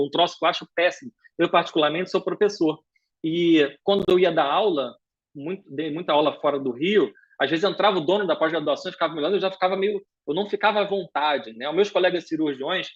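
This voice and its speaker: Brazilian male professor, husky, higher register, quick animated delivery, dull video-call sound. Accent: Brazilian Portuguese. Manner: brisk, animated lecturing with frequent filler "é". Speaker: guest speaker, professor. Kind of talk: live webinar lecture.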